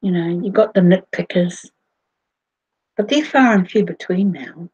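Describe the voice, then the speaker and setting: A woman, talking slowly to her viewers in a rambling way, with many fillers and restarts. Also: on the low side, a little mellow, dull audio. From New Zealand. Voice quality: husky. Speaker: vlogger. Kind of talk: casual monologue to camera.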